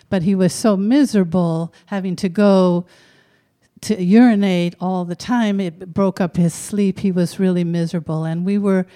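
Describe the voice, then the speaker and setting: Speaking slowly and unhurriedly, a middle-aged woman recounts something personal to a live crowd, candid and chatty with the odd filler. Her mid-range voice is smooth and mellow, with pauses separating her thoughts.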